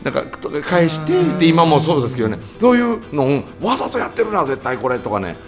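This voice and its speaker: A man's voice: fairly high pitch, sing-song, fast, music in the background. A man with a Kansai accent telling anecdotes in casual chat, sometimes slipping into mimicked voices. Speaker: guest telling stories.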